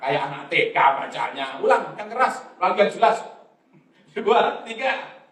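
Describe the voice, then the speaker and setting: A man preaching a sermon as pastor with an Indonesian accent, lively, urging the congregation to read along aloud. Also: sits high, normal speed, slight background noise. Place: church hall. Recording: echoey church hall, mic at a distance.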